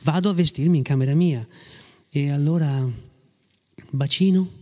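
A man's voice: on the high side, moderate pace, dark tone, lightly acted. A man reading a story aloud, giving a flirty, amused woman a lightly raised voice with a playful, scolding manner. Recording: long hall reverb.

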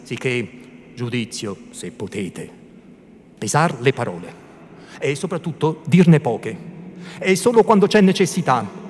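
A man's voice: medium pitch, animated, measured pace, long pauses, lightly acted. A man voicing a fretful timid old priest. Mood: sermonizing. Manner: anxious, scolding, hushed and fussy. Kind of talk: theatrical literary reading. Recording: reverberant hall, faint room noise.

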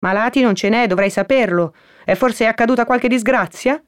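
A sharp-tongued middle-aged housekeeper snaps at late visitors in a high, piercing voice, as a woman reading aloud puts her on. She scolds briskly and impatiently, leaping up in pitch when alarmed. The storybook reading keeps her quick and cutting. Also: smooth, close to an everyday voice. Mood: sharp, scolding.

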